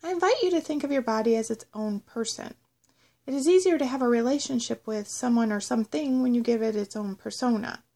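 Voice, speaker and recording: A woman narrating a scripted guided meditation in a measured, instructional way. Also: on the high side, mellow. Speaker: host of a guided self-love meditation audio.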